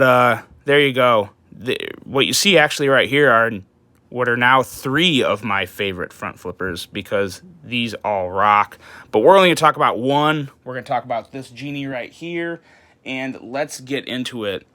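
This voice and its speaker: A man with a bright, forward voice talks through a knife review in a casual, eager way. He rambles, restarts and stumbles over words in his early-morning voice. The sound is close and dry. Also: medium pitch, no echo. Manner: enthusiastic, rambling with restarts and fillers.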